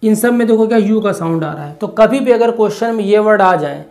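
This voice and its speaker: A teacher giving an exam-prep lesson, stepping through each point by asking a question and then answering it, and checking in often with a quick "okay". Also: medium pitch, animated, a little mellow. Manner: asks and answers own rhetorical questions.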